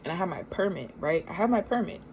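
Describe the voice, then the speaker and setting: Low-pitched American woman talking with mouth full. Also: expressive, quick pace, darkish tone, slight background noise. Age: 20s. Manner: talking with mouth full while eating a sandwich; rambling, sweary, complaining. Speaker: vlogger. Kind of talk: casual storytelling while eating.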